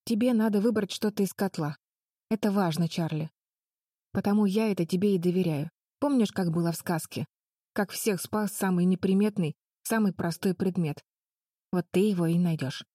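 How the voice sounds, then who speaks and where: A woman's voice: lowish voice, normal speed, dark tone, no echo, clean studio sound, close to an everyday voice. A woman voicing Betty, a determined eldest sister who urges the others firmly. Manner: firm, urging, through clenched teeth.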